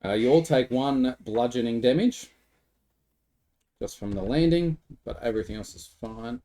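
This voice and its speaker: A man narrating a tabletop game as game master, easygoing and quick to laugh. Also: medium pitch, mellow. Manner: easygoing, laughs between descriptions.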